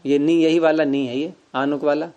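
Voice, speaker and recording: Man, slightly high voice, patient Sanskrit grammar teacher, informal class explanation. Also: steady tone, moderate pace, darkish tone, lo-fi sound. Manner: patient, explains with everyday examples and asides.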